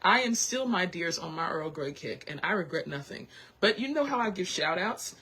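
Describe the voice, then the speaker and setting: A woman hosting a radio show, chatting in an animated, sassy way. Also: normal speed, husky. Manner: animated, sassy, swoops into high excited squeals. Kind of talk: casual talk radio chat. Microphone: studio microphone.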